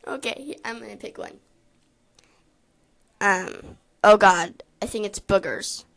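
A woman's voice: medium pitch, expressive, takes it slowly, creaky, a bit bright, rough recording. A woman chatting casually through a gross jelly bean taste challenge, giggly and squeamish. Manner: giggly, squeamish, lots of laughing. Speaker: co-host.

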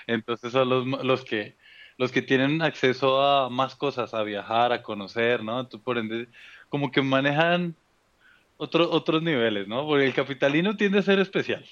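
A man with a Bogotá Colombian accent chats as an interview guest, relaxed and rambling, with plenty of fillers. His voice sits in the middle range. The recording is dry and a little dull, with no room sound. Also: mid-range voice, moderate pace, no echo. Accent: Bogotá Colombian (rolo). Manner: relaxed, storytelling with many fillers. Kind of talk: casual interview conversation.

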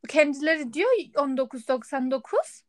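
High-voiced young woman chatting. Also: moderate pace. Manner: animated storytelling, acting out quoted exchanges. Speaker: podcast co-host. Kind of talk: casual chat, anecdotes mixing Turkish and German.

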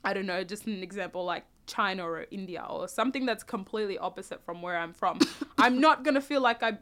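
A young woman from South Sudan, answering interview questions in a relaxed, reflective way, often restarting and adding "you know". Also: medium pitch, brisk. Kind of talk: casual conversational interview.

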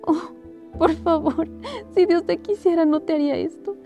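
A woman's voice: moderate pace, dark tone, highs cut off, faint music behind. A woman voicing a grieving young woman who pleads, sobbing, over her dying mother in a dramatic audiobook reading. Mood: anguished pleading. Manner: sobbing, pleading, high-pitched.

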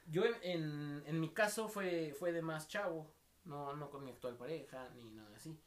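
Co-hosting a laid-back podcast, this young Mexican man from the State of Mexico tells slang-filled anecdotes and imitates the voices of those he quotes, speaking Spanish with a Mexican accent. His pitch is fairly high and his pace moderate.

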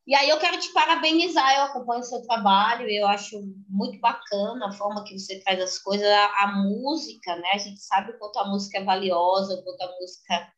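Bright, animated woman telling a story. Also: mid-range voice, fairly quick, dull audio. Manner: animated, laughing, expressive storyteller. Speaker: podcast host. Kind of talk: casual chat, storytelling.

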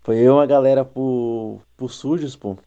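A man telling a story in a halting way on a casual podcast. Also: medium pitch, fairly even intonation, warm tone, smooth. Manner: halting, restarts a lot. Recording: dull lo-fi mic.

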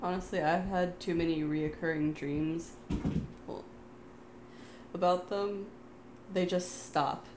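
Low-voiced woman telling a wry story. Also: slight background noise. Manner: relaxed and wry, quick asides, laughs often. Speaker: podcast co-host. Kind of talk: casual chat, personal storytelling.

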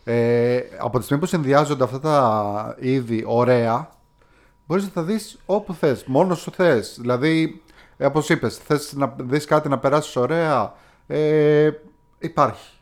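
A man with a mid-pitched voice co-hosting a casual film podcast. He talks in an easygoing, agreeable way and is quick to banter. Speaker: podcast co-host. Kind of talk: casual chat about films.

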